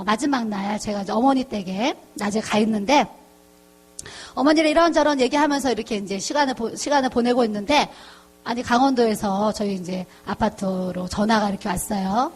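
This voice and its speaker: A middle-aged woman pastor delivers a chatty testimony sermon, telling her story while acting out the voices of the people in it and laughing often. Her voice is fairly high, with a little hiss or hum in the background.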